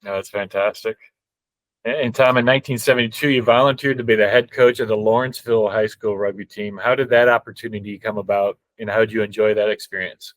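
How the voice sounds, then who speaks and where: Low-voiced male interviewer, dry sound. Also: fairly even intonation, fast talker, no room sound, poor audio. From United States. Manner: brief, encouraging replies, reads prepared questions. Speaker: podcast host, interviewer. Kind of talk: interview questions.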